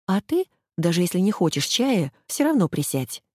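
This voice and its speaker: A woman voicing a gentle, timid young woman who speaks softly and placatingly. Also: on the low side, sing-song, normal speed, no room sound, clean studio sound. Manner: soft, placating.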